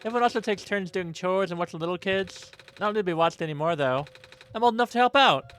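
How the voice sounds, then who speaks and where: A man's voice: high-pitched, quick pace, fairly bright tone. A man voicing a small, curious, homesick cat-like child in a video game, with a whiny, childlike way of talking. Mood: wistful.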